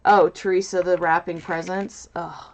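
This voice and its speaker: A woman hosting a casual crafting livestream in a loud, nasal voice, rambling and hesitant with lots of fillers, from a mic set off to her side. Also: lowish voice, flat delivery, moderate pace. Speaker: livestream host. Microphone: mic set off to the side, away from camera.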